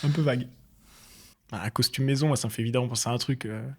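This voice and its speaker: A man's voice: medium pitch, steady tone, quick pace, husky. A young man co-hosting a podcast in an easygoing, chatty way. He chuckles often and keeps his replies short. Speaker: podcast co-host. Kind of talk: casual chat, word-association game.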